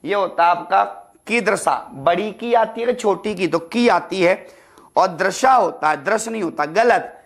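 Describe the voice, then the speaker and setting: Speaking a little slowly in a high voice, a male teacher leads an exam-focused Hindi lesson. He addresses the class as "beta" and "ladlo" and tends to answer his own questions.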